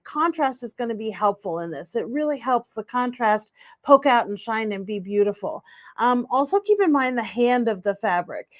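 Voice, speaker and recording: Chatty lady showing a sewing trick, bright high voice, dry close sound. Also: dry recording. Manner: upbeat, chatty. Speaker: sewing instructor. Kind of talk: how-to demonstration. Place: sewing store studio.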